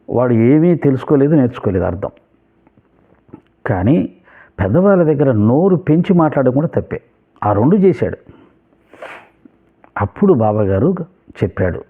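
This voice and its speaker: A man giving a devotional discourse, telling a story and moving between calm explanation and emphatic points. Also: mid-range voice. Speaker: spiritual teacher. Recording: phone-like narrow sound.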